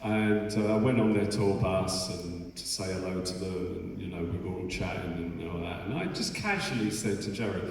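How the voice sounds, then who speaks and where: A man's voice: sits low, moderate pace, few pauses, recorded from a distance, slight background noise. Swearing middle-aged man in echoey hall. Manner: rambling, swearing, full of restarts. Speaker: bass player telling stories on stage. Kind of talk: casual onstage anecdote. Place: festival hall.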